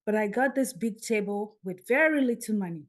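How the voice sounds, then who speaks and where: A Nigerian woman in her fifties, a podcast guest telling her story in a lively way and acting out the dialogue. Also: medium pitch, moderate pace.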